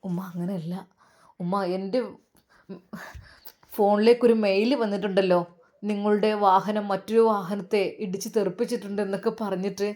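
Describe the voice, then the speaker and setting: A woman's voice: mid-range voice, fairly even intonation, normal speed, pauses often, darkish tone, lightly acted. A woman voicing an upset young husband pleading with his mother.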